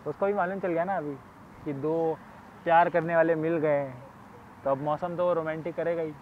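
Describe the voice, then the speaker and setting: A young man with a high voice pesters a stranger with over-the-top, teasing romantic lines in a hidden-camera prank. He recorded outdoors in the rain, and the sound has loud street noise behind him. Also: steady tone, normal speed, phone-quality sound.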